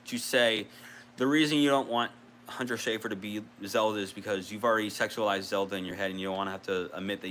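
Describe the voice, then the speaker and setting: A man talks on his own gaming vlog, looping back through fillers and half-finished sentences. His lowish voice has a bright, pressed edge. A faint hiss sits under the recording. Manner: rambling, many restarts and fillers, casual swearing. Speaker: video creator.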